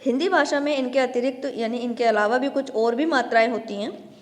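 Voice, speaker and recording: A woman teaching a grade-one grammar lesson, talking to children and slowly spelling out syllables, stretching the long vowels. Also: fairly high pitch, in a large hall. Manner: addresses children directly, patient explaining tone.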